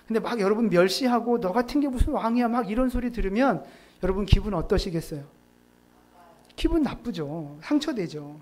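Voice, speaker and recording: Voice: medium pitch, a little mellow. Korean pastor preaching conversationally. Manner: conversational preaching with rhetorical questions to the congregation. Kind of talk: sermon. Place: church sanctuary.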